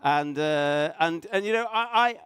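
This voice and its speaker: Halting, high-voiced man giving a talk. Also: animated, fairly bright tone, clear, resonant tone. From Norway. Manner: halting, many restarts and fillers, self-deprecating. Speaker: conference speaker. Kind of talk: hesitant conference talk. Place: conference hall stage.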